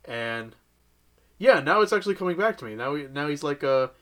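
A man's voice: a little high, animated, fairly quick, bright, forceful tone. A young man co-hosting a podcast in casual chat, rambling with many fillers and restarts. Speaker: podcast co-host.

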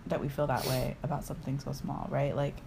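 A woman's voice: very deep voice, level tone, fairly quick, gravelly, warm tone, slight background noise. A woman in casual podcast chat, frank and profane but empathetic. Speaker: podcast co-host.

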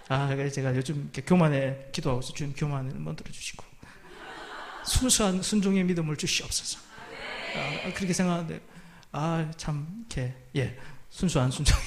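A man's voice: high voice, a bit bright. A male pastor preaching a sermon from a church pulpit, humorous and self-deprecating, often laughing at his own jokes.

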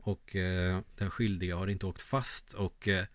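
A man's voice: sits low, flat delivery, no room sound. A man co-hosting a casual podcast who giggles, rambles and uses many fillers. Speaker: podcast co-host.

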